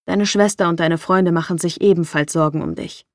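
A woman's voice: lowish voice, fairly even intonation, moderate pace, dry recording, studio quality, lightly acted. Woman voicing a curt, arrogant young man. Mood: lecturing.

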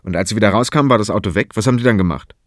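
A man reading the part of a persistent male police detective who fires off brisk, pressing questions. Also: lowish voice, no echo, studio quality, natural voice.

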